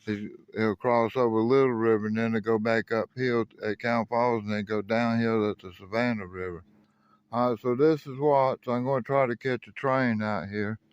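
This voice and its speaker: A man's voice: mid-range voice, steady tone, normal speed, smooth, no room sound, muffled recording. Folksy man filming trackside. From South Carolina. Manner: folksy, rambling, self-correcting. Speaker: railfan vlogger. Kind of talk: casual outdoor narration. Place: outdoors by a rural highway and railroad.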